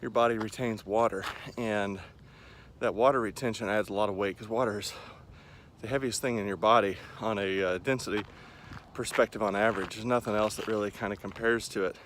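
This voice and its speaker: Pacing outdoors in a park beside a lake, a man in his forties talks casually to his camera for a running vlog. His voice is fairly low and fairly bright, steady in tone and fairly quick, and he rambles while making fun of himself. Outdoor ambient sound comes through clearly.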